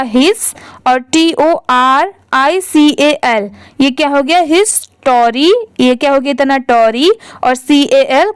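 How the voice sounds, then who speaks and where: High-voiced woman teaching reading slowly. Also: no room sound, clean studio sound. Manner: spells words letter by letter, asks and answers own questions. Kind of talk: slow spelling-out reading lesson.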